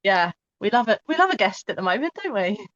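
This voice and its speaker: A woman co-hosts a podcast from home, chatting in an upbeat, agreeable way at a mid-range pitch. Her voice sounds dry and slightly dull, with no room echo. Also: very animated, fast, fairly bright tone. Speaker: podcast co-host. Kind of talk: casual podcast chat.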